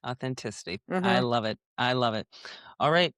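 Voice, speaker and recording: A woman's voice: rumbling low, expressive, normal speed, crowd noise. A woman hosting a podcast, chatting in an upbeat, rambling way with lots of fillers and restarts. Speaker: podcast host. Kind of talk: casual podcast chat.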